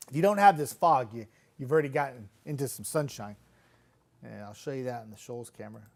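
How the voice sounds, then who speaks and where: A man's voice: medium pitch, creaky. Chatty, self-deprecating weatherman. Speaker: TV meteorologist. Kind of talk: casual live stream chat reading viewer comments.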